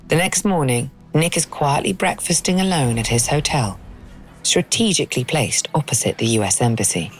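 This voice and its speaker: Very deep-voiced woman narrating suspense. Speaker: podcast narrator, host. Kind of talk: scripted suspense documentary narration. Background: faint music.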